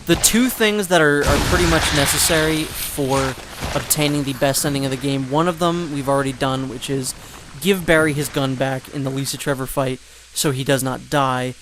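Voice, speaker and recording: A man's voice: medium pitch, moderate pace, noisy background. A man giving casual gameplay commentary, rambling with joking asides and fillers. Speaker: let's play commentator.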